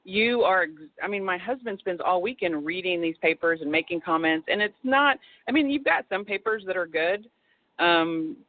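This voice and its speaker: A woman's voice: fairly low pitch, expressive, normal speed, no room sound. Woman, author guest, chatty, rambling, restarts, tinny phone line, dry. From Texas. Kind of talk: casual phone interview.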